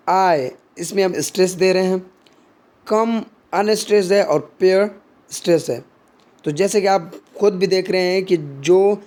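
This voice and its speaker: A man teaching poetry terms in a slow, unhurried way, with a high voice that sits well above most men's. He explains in Hindi, drops in English words, and fills his pauses with short hesitations. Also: darkish tone. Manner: mixes Hindi explanation with slow English read-outs, frequent fillers. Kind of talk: explaining literary terms, reading English examples slowly.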